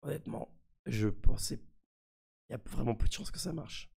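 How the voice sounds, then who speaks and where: A man with a husky, gravelly voice, sick, giving casual live commentary as a mischievous streamer. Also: mid-range voice, moderate pace, warm tone. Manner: mischievous, trolling his community. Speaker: streamer presenting a crypto NFT project.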